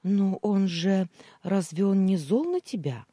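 A man reading an audiobook voices the narrator's wife, a gentle young woman, and her questions come out soft and a little raised. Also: medium pitch, slow pace, breathy edge, no echo, studio quality, voice pushed up. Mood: curious.

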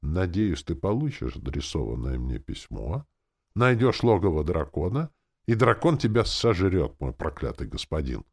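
A hollow-voiced undead lich, played by a man reading a story, speaks slowly with gloomy spite. His voice sounds sepulchral and drawn out. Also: low-pitched, big pitch swings, vocal fry, a little mellow, slightly rough, heavily acted.

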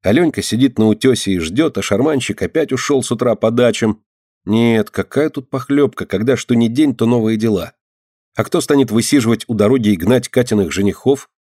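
A man reading an audiobook in an even, steady storytelling manner. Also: mid-range voice, a little fast, no room sound, clean studio sound. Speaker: audiobook reader. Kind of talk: scripted narration.

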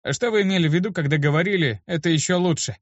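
A man voicing a hot-tempered young male apprentice with a hoarse voice, in a dull, dry lo-fi recording. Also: on the high side, rapid-fire, no echo, pitched above the performer's own voice, natural voice. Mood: curious. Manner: excitable, snappy.

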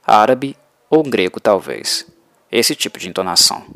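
A man reading an audiobook in an even, measured way. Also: on the low side, no room sound. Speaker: audiobook narrator. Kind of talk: scripted narration.

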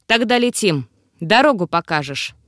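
A woman's voice: medium pitch, very animated, normal speed, a bit bright, dry recording, studio quality. A woman voicing a pushy male ice dragon in an audiobook, curt and insistent.

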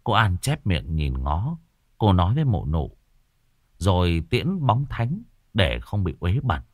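A man's voice: low-pitched, sing-song, measured pace, darkish tone, no echo, clean studio sound. A man narrating a ghost story expressively and dramatically.

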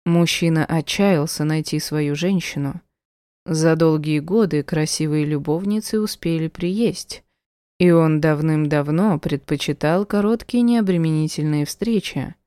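A woman narrating a romance audiobook in an even, measured reading. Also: low voice, clear, resonant tone, no room sound, studio quality.

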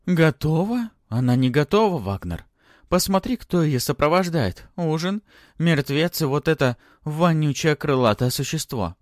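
A man voicing a cruel, haughty middle-aged stepmother who talks in a shrill, scornful way in an audiobook. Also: very animated, moderate pace, no echo, clean studio sound. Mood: mocking.

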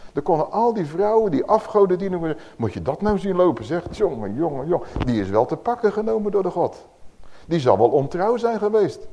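An older man preaching a sermon. His voice is warm and mellow but pitched a little high. He preaches with lively pitch, booming out some lines and dropping softly into others. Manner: emphatic, swings from loud declaiming to soft tender asides.

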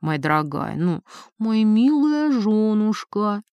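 A woman's voice: medium pitch, big pitch swings, slow, clean tone, dry recording, muffled recording. A woman reading as a husband who coaxes and pleads with his angry wife. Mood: pleading. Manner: coaxing, pleading. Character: fawning, pleading husband, a gentleman. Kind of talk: audiobook character reading.

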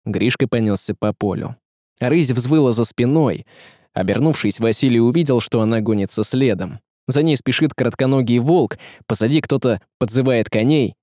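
A man reading an audiobook with lively, dramatic storytelling. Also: medium pitch, normal speed, no room sound, studio quality. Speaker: audiobook narrator. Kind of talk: scripted audiobook narration.

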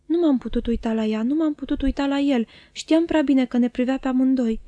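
A woman reading a novel aloud in calm, even storytelling narration. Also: high-pitched, dry recording, lo-fi sound. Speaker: audiobook reader.

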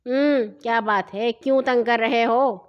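A woman's voice: fairly high pitch, fairly even intonation, dull audio, lightly acted. A woman voicing a sleepy father in a children's story who mumbles while half awake. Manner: drowsy mumbling.

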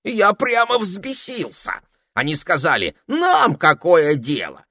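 A man's voice: sits high, huge pitch swings, slow, pushed and bright, no room sound, studio quality, voice pushed up, heavily acted. A man voicing a bossy, fussy talking male parrot in an audiobook, with theatrical, indignant outbursts. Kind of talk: audiobook character voice.

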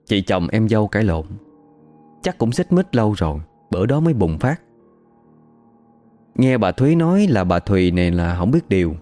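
Brief: male storyteller, low mellow voice, chatty retelling. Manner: chatty, matter-of-fact retelling. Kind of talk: casual spoken storytelling.

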